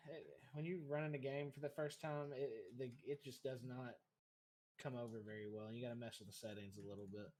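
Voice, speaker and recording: A man who streams himself, chatting offhandedly about games and settings, his sentences trailing off quietly. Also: medium pitch, fairly even intonation, a little fast. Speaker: fellow streamer. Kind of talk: casual gaming chat.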